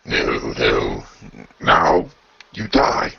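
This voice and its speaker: A man voicing an evil, imperious space emperor villain in a radio play, with a very deep, rasping voice and slow menace. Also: very animated, pushed and bright, lo-fi sound, full character voice. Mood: menacing.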